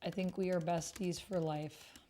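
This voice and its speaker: Playing a text roleplay game on a casual livestream, a woman host types on her keyboard and reads messages aloud, often half murmuring to herself in an informal, gushing way. She speaks a little slowly, her mellow voice on the low side with fairly even intonation, and there's slight background noise.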